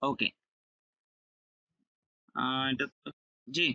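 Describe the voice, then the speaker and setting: A man's voice: mid-range voice, fairly even intonation, extremely slow, creaky, sharp tone, lo-fi sound. A man teaching an online class, explaining step by step, repeating key words and checking that students follow. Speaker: French teacher.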